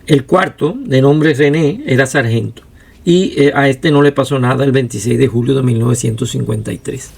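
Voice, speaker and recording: A man narrating a history documentary in a measured, steady way. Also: medium pitch, gravelly, breathy edge.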